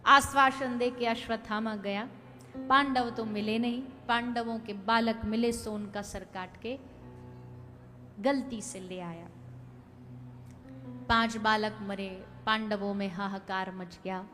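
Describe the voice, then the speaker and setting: A young woman telling a devotional scripture story as a preacher, dramatic, swelling loud for emphasis and chanting verses. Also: medium pitch, fairly even intonation, takes it slowly, pauses often, big-room sound, faint music behind.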